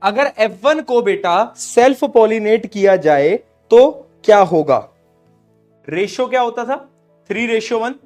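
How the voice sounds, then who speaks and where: A young male tutor with a high voice and a sore throat, teaching a live online class. He scolds his students in rising, loud bursts, then drops soft and low. Faint music plays underneath. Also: lively intonation, a little slow.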